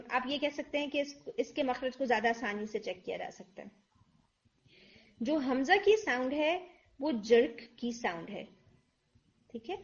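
In an online lesson, a woman with a slightly high voice patiently teaches tajweed in Urdu, mixing in English words. She demonstrates letter sounds aloud, and the audio is lo-fi.

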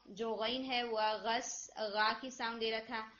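A woman teaching Quran recitation online, gently correcting a student's pronunciation and modeling the sounds slowly. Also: fairly high pitch, fairly even intonation. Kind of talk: online tajweed feedback. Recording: lo-fi online call audio.

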